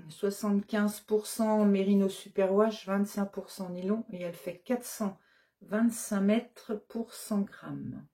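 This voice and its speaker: Slow, mellow-voiced woman showing off yarn. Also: mid-range voice. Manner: hesitant, many fillers, listing colors one by one. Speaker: yarn shop owner presenting her new colorways. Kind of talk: casual product show-and-tell.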